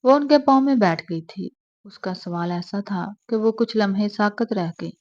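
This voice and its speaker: A woman narrating an emotional novel in a measured storytelling manner. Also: mid-range voice, a little mellow, muffled recording.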